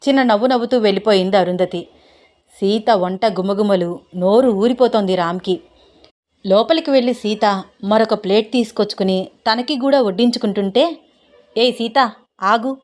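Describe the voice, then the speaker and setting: Gentle female storyteller. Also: mid-range voice, normal speed. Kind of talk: scripted story narration.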